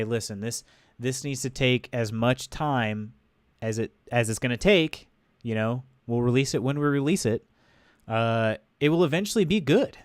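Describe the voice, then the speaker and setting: A congested-sounding man chats loosely on a game livestream, rambling through his thoughts with lots of fillers and restarts. His voice is medium-pitched and smooth, recorded on a desk microphone with a dry, close sound.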